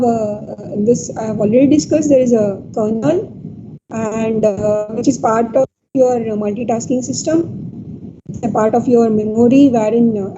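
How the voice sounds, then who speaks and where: High-voiced Indian woman lecturing. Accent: Indian English. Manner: hesitant, many fillers, checks understanding with "okay" and "right". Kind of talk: technical lecture. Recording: dull lo-fi audio with clear background noise.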